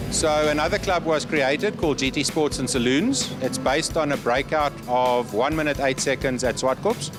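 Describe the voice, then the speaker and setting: A man answers an interviewer in the pit lane. His voice sits slightly high, and music is clearly audible behind it. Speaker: interviewee from a racing club. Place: outdoor race track pit lane. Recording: music under the voice.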